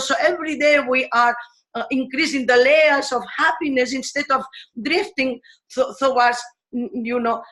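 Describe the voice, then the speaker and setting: Earnest woman, higher voice. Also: fairly bright tone. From Spain. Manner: earnest and searching, with frequent pauses and fillers. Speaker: teacher. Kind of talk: explanatory talk in a video series.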